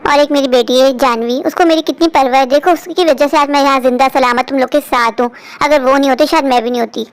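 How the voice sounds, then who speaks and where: A woman voicing a domineering older mother-in-law in a cartoon story, scolding and sharp-tongued. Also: high-pitched, steady tone, fast, lightly acted. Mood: grumbling.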